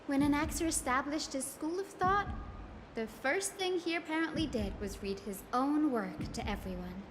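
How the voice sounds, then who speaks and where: Hyacinth, a bright high game heroine. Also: female voice, moderate pace, noisy background. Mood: explaining. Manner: lively storyteller mimicking quoted critics. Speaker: game character. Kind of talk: game voice acting. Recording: game audio over music, long reverb.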